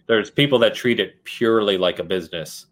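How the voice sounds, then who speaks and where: A man with a deep, low voice in a casual chat. He comes across as measured and agreeable.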